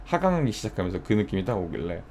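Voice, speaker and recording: A man's voice: deep voice, sing-song, racing, darkish tone, slight background noise. A young man streaming, chatting casually and telling a story with acted-out quotes. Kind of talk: casual live-stream chat.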